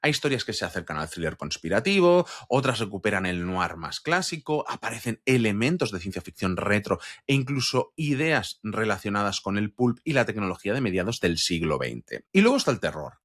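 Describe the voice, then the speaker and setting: A man hosting a series review show, delivering a scripted review with emphatic, animated phrasing. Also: brisk, hardly any pauses. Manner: animated, emphatic delivery with lively swings in pitch.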